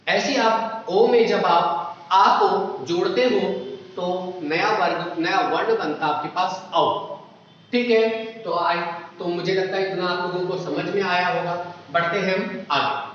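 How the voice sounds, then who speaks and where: A patient male teacher walks through an exam-prep grammar lesson in a fairly high voice. He sounds set back from the mic in a very echoey room, and the sound is dull. He checks in often to make sure the class is keeping up. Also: a bit bright, far from the mic. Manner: patient, explanatory, often says "ठीक है".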